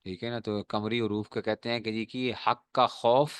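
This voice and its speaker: A male teacher giving a classroom lesson, often checking whether students have understood and drawing out example words slowly. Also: fairly low pitch, little pitch movement, clean tone, no echo.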